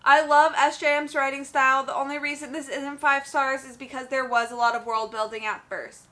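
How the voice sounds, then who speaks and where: Bright-voiced gushing young woman. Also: sits high, flat delivery, brisk. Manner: gushing, chatty, many "like"s. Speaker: book reviewer. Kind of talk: casual book review vlog.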